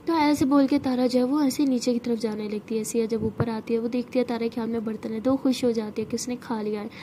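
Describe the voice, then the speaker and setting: High-voiced woman telling a story. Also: fast talker, slight background noise. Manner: chatty, relaxed retelling. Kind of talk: casual story narration.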